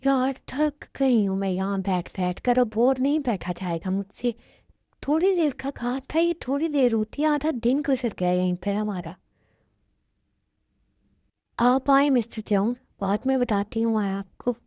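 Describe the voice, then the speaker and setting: A woman's voice: a little high, animated, unhurried, dark tone, no room sound, studio quality. A woman voicing a sulky young wife in an amateur Hindi dubbed drama, speaking in a complaining, reproachful way.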